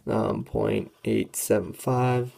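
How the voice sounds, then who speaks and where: Haltingly and with lots of fillers, a teen student thinks aloud while working a statistics problem on a calculator, presenting a classroom walkthrough of a calculator test. The voice is mid-range, steady and mellow, but it's going hoarse, with frequent throat clearing.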